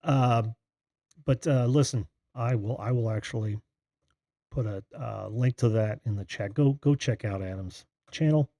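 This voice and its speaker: An American man from Indiana with a breathy voice, hosting a casual live call-in stream in a rambling, familiar way as he greets viewers. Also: medium pitch, measured pace, warm tone, no echo, studio quality. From Indiana, United States. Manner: rambling, distracted, friendly familiar address. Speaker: host of a live call-in show.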